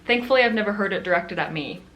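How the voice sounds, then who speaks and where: A woman's voice: medium pitch, lively intonation, fast talker, a bit bright, a little hiss or hum. An American woman vlogger chatting to camera, laughing often and poking fun at herself. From United States. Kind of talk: casual chat to camera.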